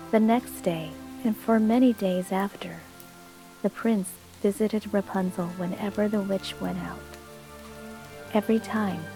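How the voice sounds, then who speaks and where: A woman telling a bedtime fairy tale in a soft, soothing narration. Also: medium pitch, rough recording. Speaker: storyteller. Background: soft calm music and rain.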